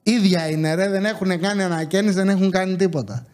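Man, thirties, podcast host, high voice, casual animated storytelling. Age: 30s. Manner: animated storytelling with acted-out quotes. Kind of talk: casual chat.

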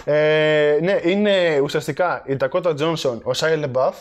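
A man co-hosting a casual film podcast, playful and laughing often, rambling with fillers. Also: a little high. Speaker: podcast co-host. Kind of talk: casual chat about films.

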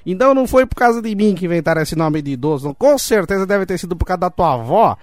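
A man's voice: high voice, no room sound, clean studio sound. A man doing a cranky Brazilian old uncle. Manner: grumbling, indignant, swearing often. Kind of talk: comic advice segment.

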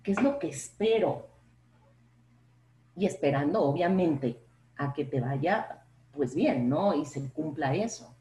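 Slow, expressive Mexican woman professor. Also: sits low, reverberant, low-quality recording. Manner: expressive, plays up intonation, asks rhetorical questions. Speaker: professor, podcast guest. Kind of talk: explanatory talk on public speaking.

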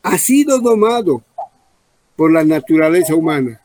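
A man preaching a Bible study sermon, repeating key phrases, slowing down on emphasized words and asking the congregation questions. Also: on the high side, very animated, a little mellow, no echo.

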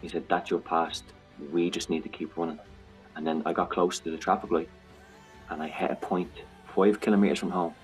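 Man, 30s, very low voice, blunt storyteller who curses casually; soft music underneath. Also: level tone, a little fast, low-quality recording. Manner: frank, blunt, swears freely. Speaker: guest sharing recovery story. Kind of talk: candid podcast conversation.

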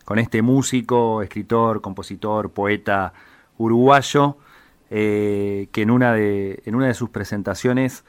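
Un hombre, locutor de radio, presenta el siguiente segmento hablando con pausas entre las palabras. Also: male voice, lowish voice, steady tone, smooth, no room sound. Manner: halting, pauses between words. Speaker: radio host. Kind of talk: radio introduction.

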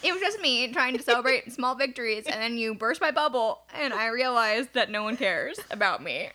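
A woman's voice: on the high side, animated, normal speed, sharp tone. A young woman hosting a podcast, chatting casually and candidly while tipsy, with bubbly bursts of laughter. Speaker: podcast host. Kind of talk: casual chat.

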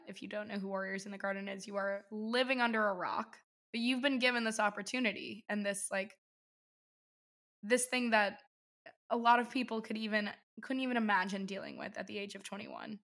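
A woman's voice: mid-range voice, steady tone, fairly quick, bright, forceful tone. A woman hosting a casual interview, speaking informally and addressing both guest and listeners. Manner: informal, complimentary. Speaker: podcast host.

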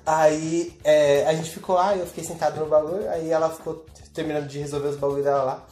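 A man's voice: on the high side, flat delivery, brisk, a little mellow, roomy sound, soft background music. A young Brazilian man, a podcast host, casually telling a story in slangy talk full of reported dialogue.

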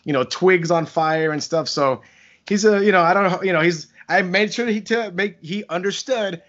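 Middle-aged male podcaster, slightly high voice, loose rambling storytelling, dull lo-fi audio. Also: normal speed, fairly bright tone. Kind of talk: casual chat, anecdotal storytelling.

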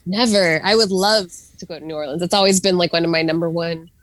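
A woman's voice: fairly low pitch, steady tone, fast talker, no room sound. A woman co-hosting a podcast in casual chat, talking loosely with lots of fillers and frequent laughs. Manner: chatty, laughs often, many fillers. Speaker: podcast co-host.

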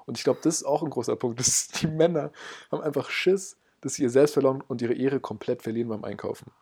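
A man co-hosting a casual podcast, telling stories in an animated way and acting out little quotes. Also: medium pitch, breathy edge. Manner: fast, animated storytelling with acted quotes. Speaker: podcast co-host. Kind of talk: casual chat.

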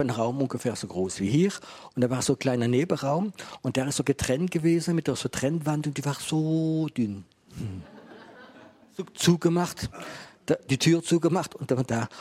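Husky middle-aged preacher, storytelling testimony style, plays out the voices in his tale. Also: medium pitch, darkish tone. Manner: storytelling, acting out dialogue. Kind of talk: testimony sermon to a live audience. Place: room with a gathered audience.

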